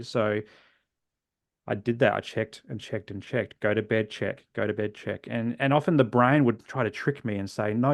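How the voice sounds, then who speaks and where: As a podcast interviewee, a man in his forties from South Australia recounts his personal story with thoughtful earnestness, his words often softening away at the ends. His voice is medium-pitched and creaky, with no echo.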